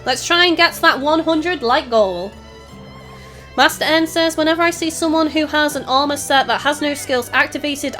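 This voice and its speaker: Speaking into a desktop USB microphone, a high-pitched woman streamer from Northwest England gives casual gaming commentary and reads out chat. Her Scouse accent carries a touch of Welsh, and her raised, projecting voice is a bit bright.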